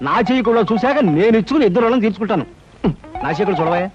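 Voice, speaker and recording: An actor playing a blustering middle-aged husband given to indignant outbursts. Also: male voice, sits high, animated, very fast. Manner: indignant outbursts, fawning apologies. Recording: dull lo-fi film audio with music.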